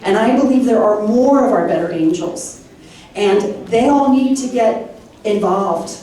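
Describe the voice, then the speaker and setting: A woman's voice: fairly high pitch, animated, unhurried, warm tone. A woman state representative and former teacher giving a heartfelt, rallying campaign speech. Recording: echoey room from far off.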